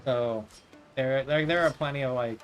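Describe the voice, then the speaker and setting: A man livestreams a video game, chatting in a casual, rambling way over game music. His voice is medium-pitched and his pace moderate.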